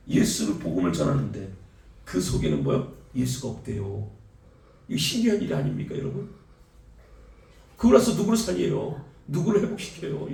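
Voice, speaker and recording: A man's voice: a little high, gravelly. Older pastor man preaching, swoops up and down a lot, big echoey church far from the mic. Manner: animated storytelling, acts out dialogue, asks the congregation questions. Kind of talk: sermon. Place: church sanctuary. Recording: echoey church sound from a distance.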